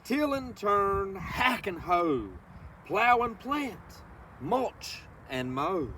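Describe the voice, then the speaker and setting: A man presenting a children's read-along reads a picture book in a high, sharp, sing-song voice at an extremely slow pace. He talks to the kids directly and instructively, with folksy asides and questions. The microphone sits at a distance, picking up faint background noise.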